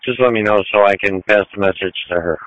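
A man's voice: on the low side, fast, fairly bright tone, no echo. A male ambulance crew member giving status reports and messages over a two-way radio. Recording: dry, slightly muffled radio audio.

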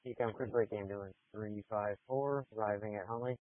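A man's voice: fairly low pitch, fairly even intonation, fairly quick, no echo. A man on an ambulance crew giving formulaic status reports over the radio. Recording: narrowband ambulance radio transmission.

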